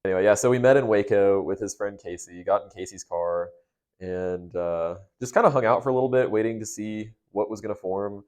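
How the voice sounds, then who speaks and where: A man's voice: fairly low pitch, brisk, a little mellow. A young man, a storm chaser, casually recounting a past experience step by step in a conversational, detailed way.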